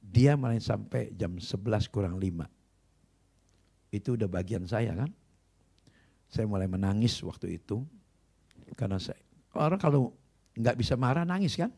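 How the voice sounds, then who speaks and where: A man's voice: lowish voice, expressive, normal speed, gravelly, pauses often, mellow, slightly rough. A male pastor preaching a sermon, telling stories emphatically and putting rhetorical questions to the congregation. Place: church service.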